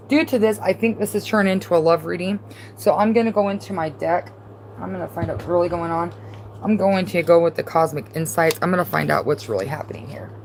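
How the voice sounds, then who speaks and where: A woman at a mid pitch reads tarot cards on a live stream. She talks casually and bluntly, addressing the viewer directly and circling back over the same points. A faint hum of room ambience sits under her voice. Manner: casual, blunt and repetitive, talking straight to the viewer. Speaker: tarot reader.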